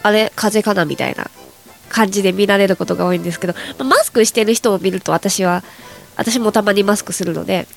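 Faint music plays behind this young adult woman as she rambles casually to listeners on her chatty solo radio show. Her medium-pitched voice is gravelly, nasal and congested from hay fever, and her pace is quick.

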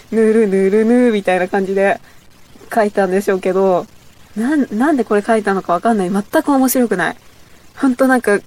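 A woman's voice: mid-range voice, a little mellow. A young woman from Chiba with a Boso dialect, hosting a casual solo talk show, reading out her old memos in a rambling, self-mocking way. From Chiba, Boso area. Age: young adult. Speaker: radio show host.

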